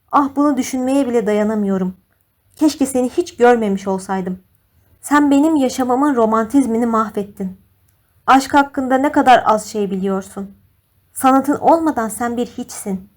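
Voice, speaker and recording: A cruel young man, cold and contemptuous, voiced by a woman reading an audiobook. He speaks harshly, in a lower and quieter tone than the narrator's own. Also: lightly acted.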